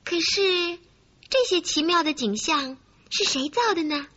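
A woman narrates for young children with a high, bright voice. She is expressive and coaxing, speaking straight to the child as a story host. The recording is slightly muffled. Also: measured pace. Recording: muffled recording with faint music.

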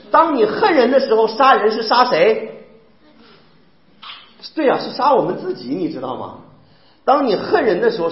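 A high-voiced male preacher with a Northeastern Mandarin accent, his pitch swinging widely as he drives home point after point with rhetorical questions. The sermon rings through an echoey church hall, captured on a dull, lo-fi recording. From Northeast China. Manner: emphatic, fires rhetorical questions at the congregation.

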